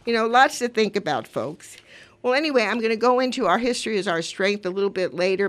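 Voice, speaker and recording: Oudere vrouw, serieus en uitweidend. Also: female voice, lowish voice. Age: 80s. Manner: earnest, rambling, conversational. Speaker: community radio host. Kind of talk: casual radio talk with announcements.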